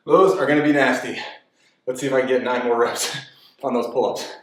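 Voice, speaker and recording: A man's voice: medium pitch, level tone, brisk. A man talking casually between sets of a home workout, out of breath and candid. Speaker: fitness vlogger. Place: apartment home gym. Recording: roomy echo, from far off.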